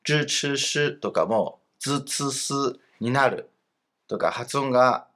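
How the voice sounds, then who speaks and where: A man talks through a grammar lesson as an online teacher. His delivery is patient and explanatory, and his voice is lively and animated, swinging up and down in pitch. His pitch sits at a middle level for a man. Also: slow pace. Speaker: language teacher.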